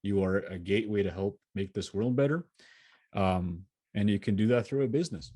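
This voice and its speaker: A man's voice: lowish voice, brisk, dark tone, dry recording. A man giving a motivational keynote from his home setup over a video call, speaking earnestly and often restarting and repeating his words. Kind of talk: motivational talk answering questions.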